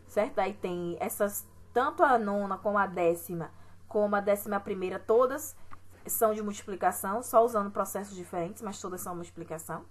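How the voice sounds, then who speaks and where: A woman's voice: mid-range voice, fairly quick. A woman math teacher with a Brazilian accent, walking students through an exercise sheet step by step and often checking in with "right?". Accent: Brazilian Portuguese. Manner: patient, repeats "certo?" and "né?" to check understanding. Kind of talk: recorded online lesson explaining an exercise sheet.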